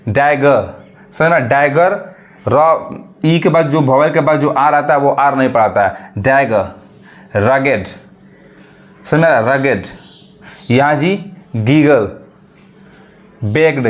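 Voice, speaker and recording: A man teaching English phonics to beginners in a Hindi accent, asking questions and repeating each word slowly. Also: fairly high pitch.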